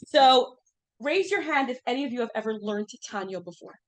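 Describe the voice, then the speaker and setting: A woman's voice: fairly high pitch, animated, brisk. A woman in her thirties teaching an informal class, chatty and full of fillers, asking the group questions as she goes.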